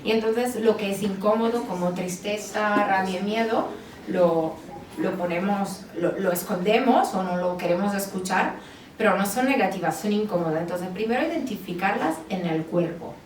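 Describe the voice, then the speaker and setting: At a book presentation in a bookstore event space, an Italian-accented woman, a psychologist and author, speaks at a moderate pace and medium pitch, hesitating often and using many fillers. The recording sounds roomy, from a distant mic with background noise.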